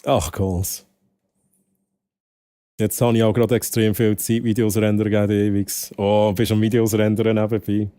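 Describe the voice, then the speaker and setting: Mellow Swiss German man chatting on stream. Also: fairly low pitch, little pitch movement, moderate pace. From Switzerland. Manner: rambling, repeats phrases, slips in English words. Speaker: game livestreamer. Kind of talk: casual chat with stream viewers.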